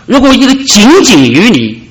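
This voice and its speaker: Male pastor preaching, kinda high voice, swoops up and down a lot. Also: huge pitch swings, normal speed. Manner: preaching with dramatic rises and soft drops. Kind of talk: sermon.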